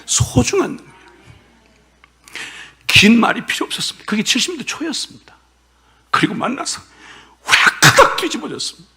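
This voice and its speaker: An older man preaching a sermon as a pastor, telling his testimony emotionally with bursts of shouting and laughter. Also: very high-pitched, sing-song, fast talker, vocal fry. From South Korea.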